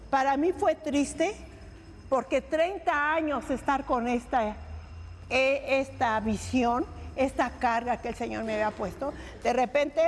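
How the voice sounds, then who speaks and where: A woman's voice: high-pitched, long reverb tail, a little hiss or hum, poor audio. An older woman preaching in church, telling her own testimony in an earnest, heartfelt way and addressing the congregation as brothers and sisters. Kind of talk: sermon testimony.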